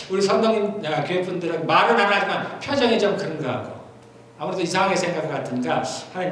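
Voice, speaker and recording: Middle-aged male pastor, fairly high voice, conversational sermon with repeated phrases, heavy church echo. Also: a bit bright. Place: church sanctuary. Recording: very echoey church hall, faint noise.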